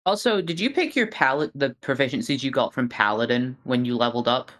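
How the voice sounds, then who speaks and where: A woman's voice: a bass voice, expressive, fairly quick, fairly bright tone. A woman talking casually as a player in a tabletop role-playing game.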